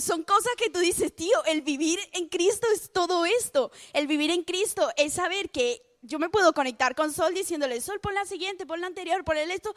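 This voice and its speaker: A young woman with a Spain Spanish accent giving a chatty, lively youth sermon, often laughing at herself. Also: sits high. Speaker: youth speaker.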